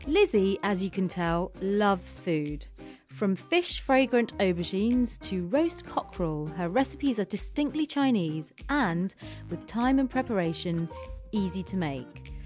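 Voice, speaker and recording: A woman narrating a food programme in a crisp, playful scripted way. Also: medium pitch, very animated, measured pace, a little mellow, soft background music. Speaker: presenter narrator.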